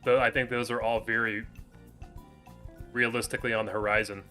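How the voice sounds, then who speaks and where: Faint music plays behind a man livestreaming gameplay, who talks a little fast in a mid-range voice through his headset mic. He keeps things relaxed and casual, calling out viewers by name as he chats.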